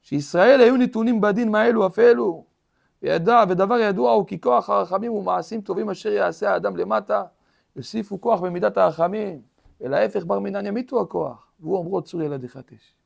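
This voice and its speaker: A man's voice: high voice, vocal fry, darkish tone. A man who is a rabbi giving a weekly Torah lesson in a study hall. He asks rhetorical questions, acts out quoted speech and talks straight to his listeners. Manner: addresses listeners directly.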